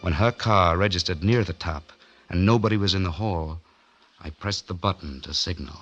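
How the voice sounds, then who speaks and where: On a muffled 1940s radio broadcast backed by music, an actor plays a broke man being hunted, recounting his tale in slangy, clipped noir style. His voice is low-pitched and a bit bright, at a moderate pace, and the mood is tense and weary.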